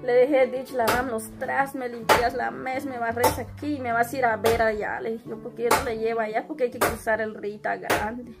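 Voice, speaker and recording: A woman's voice: a little high, steady tone, a little fast, few pauses. A young woman with a Guatemalan accent telling her hardships in an interview, tearful and often quoting her conversations with her children. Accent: Guatemalan Spanish. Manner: tearful, retells conversations in quoted speech. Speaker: interviewee, struggling mother. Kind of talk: emotional personal account. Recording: loud music underneath.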